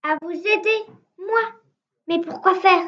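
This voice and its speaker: A blunt, dreamy ten-year-old girl from a children's storybook, voiced by a woman very high and slow. The sound is dull, like a lo-fi recording. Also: sharp tone, full character voice.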